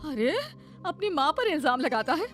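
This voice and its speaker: A woman's voice: high voice, very animated, moderate pace, soft background music. A woman voicing a jealous, scheming middle-aged mother-in-law who taunts her daughter-in-law in a cartoon story. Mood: scornful. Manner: taunting, sly. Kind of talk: cartoon voice acting.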